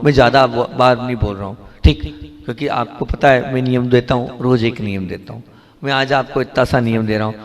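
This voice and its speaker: A man's voice: mid-range voice, big-room sound. A man, a Jain monk, giving a devotional sermon and pronunciation lesson to an audience, asking them questions as he teaches. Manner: instructive, repeatedly asks the audience questions; drawn-out sung chanting of mantra syllables.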